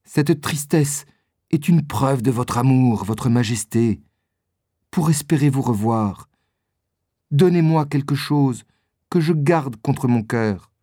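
A man reading a storybook aloud, voicing a lovesick nobleman who speaks slowly and tenderly. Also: medium pitch, warm tone, no room sound, clean studio sound. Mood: ardent. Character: lovesick foreign nobleman, ardent and devoted.

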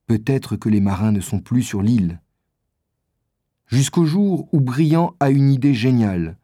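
A man narrating a children's adventure story in a measured storytelling manner. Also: medium pitch, dark tone, no room sound, studio quality.

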